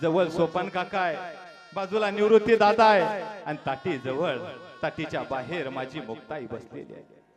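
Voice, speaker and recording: Man, from Maharashtra, kirtan preacher, high voice, tearful dramatic storytelling, devotional music behind. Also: moderate pace.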